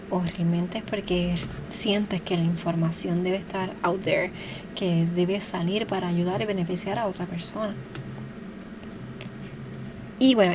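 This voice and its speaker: Brief: adult woman, parenting educator, loose conversational delivery, plays out little quotes, mid-pitched voice, faint noise behind. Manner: conversational, thinks aloud with fillers. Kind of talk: casual spoken talk on parenting.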